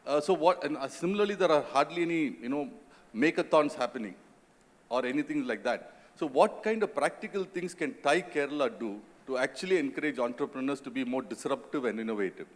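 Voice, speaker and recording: A man's voice: medium pitch, animated, fairly quick. A man from the audience asking the panel a long, polite, explanatory question. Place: conference hall. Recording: long reverb of a hall.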